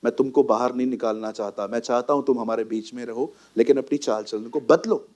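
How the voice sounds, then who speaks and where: A man voicing an old male priest who warns his two sons, speaking lower and more steadily than in his preaching. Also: a little fast, warm tone, lightly acted. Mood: mild.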